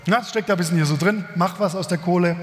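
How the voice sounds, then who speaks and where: A man's voice: sits high, quick pace, faint music behind. A man preaching a sermon, reading Scripture and explaining it in a casual, joking way with many fillers. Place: church. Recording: echoey church hall.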